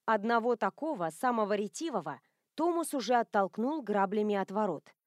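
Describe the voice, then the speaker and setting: A woman's voice: mid-range voice, expressive, moderate pace, no room sound. Woman narrating an audiobook in a dry, close recording. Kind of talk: scripted narration.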